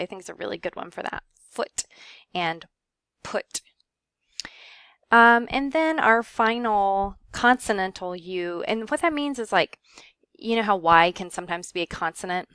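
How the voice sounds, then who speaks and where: A woman teacher giving a recorded lecture, carefully sounding out words and filling pauses with um. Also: medium pitch, fairly bright tone, no room sound, clean studio sound. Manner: careful, demonstrating pronunciations with frequent ums.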